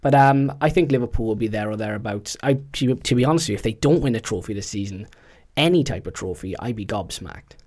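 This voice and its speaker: A young man, chatting casually about football as a podcast co-host, animated and slangy. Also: lowish voice, fast, hardly any pauses.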